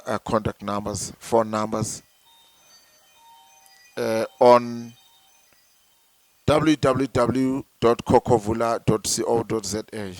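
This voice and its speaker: A man from Zimbabwe, a traditional healer, explaining slowly and deliberately and repeating words as he searches for them. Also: lowish voice, vocal fry, no room sound. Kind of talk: slow explanatory talk.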